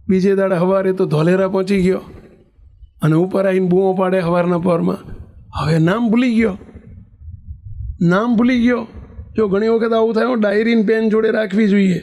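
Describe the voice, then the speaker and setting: A man telling a story in a sermon, acting out the characters' calls. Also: high voice. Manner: animated storyteller, acts out shouting characters. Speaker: preacher.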